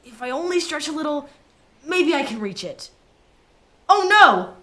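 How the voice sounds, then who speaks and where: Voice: high voice, animated, moderate pace, fairly bright tone. A performer playing an eager, reckless young boy in a family drama. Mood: curious. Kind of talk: acted family film dialogue.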